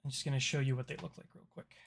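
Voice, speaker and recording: A man narrating a tabletop roleplaying game as game master in a casual, halting way. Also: mid-range voice, fairly even intonation, gravelly, a little hiss or hum.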